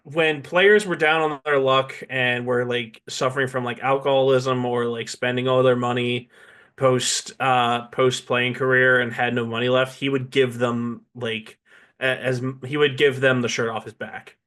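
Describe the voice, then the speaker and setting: Bright-voiced man bantering on a podcast. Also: mid-range voice, flat delivery, unhurried. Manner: teasing, storytelling banter. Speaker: podcast co-host. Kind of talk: casual sports podcast chat.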